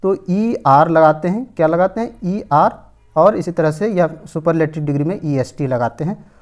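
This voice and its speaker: Guy teaching grammar, keeps asking then answering his own questions, reads example sentences real slow. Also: fairly high pitch. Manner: repeats rhetorical questions to students; slow, deliberate reading of English examples. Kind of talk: explanatory lesson.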